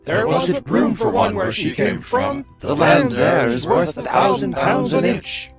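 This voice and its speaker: A man's voice: on the high side, big pitch swings, a little slow, loud music behind the voice. A man voicing a chorus of scolding, money-minded railway passengers, singsong and emphatic, in a storybook dramatization. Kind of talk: dramatized audiobook acting.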